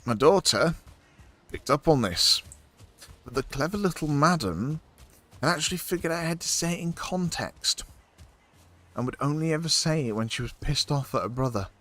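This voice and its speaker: A man's voice: a little high, expressive, normal speed, pauses often, fairly bright tone, soft background music. A man streaming a game, chatting casually in a rambling way, swearing often and filling gaps with ums and likes. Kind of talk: casual chat while playing a game.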